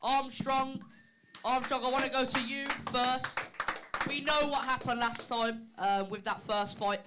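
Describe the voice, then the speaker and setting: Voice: high voice, fairly even intonation, a little slow. A host putting questions to boxers at a live press conference, with noise behind the voice. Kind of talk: live event hosting, interview questions. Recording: clear background noise at live event.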